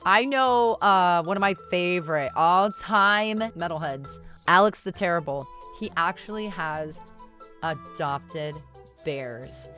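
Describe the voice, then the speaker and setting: Slow-paced woman streamer, casually reacting. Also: fairly low pitch, sharp tone, faint music behind. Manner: drawn-out amused exclamations, informal slangy talk. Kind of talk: casual livestream reaction commentary.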